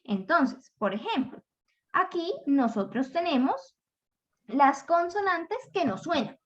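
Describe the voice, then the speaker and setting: Slow, patient woman teacher, lo-fi. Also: very high-pitched, expressive. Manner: slow, patient, demonstrates sounds aloud. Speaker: English teacher. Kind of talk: classroom explanation. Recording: dull lo-fi recording.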